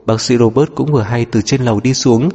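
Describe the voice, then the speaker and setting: A man narrating an audiobook novel in a steady, even storytelling manner. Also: mid-range voice, fairly quick, husky. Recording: long reverb with background music.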